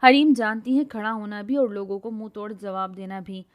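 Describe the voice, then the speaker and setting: A woman's voice: mid-range voice, steady tone, muffled recording, lightly acted. Storybook casting: a bossy, boastful young woman who scolds and quarrels at full voice, as a woman reader plays her. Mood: indignant. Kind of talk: storybook reading.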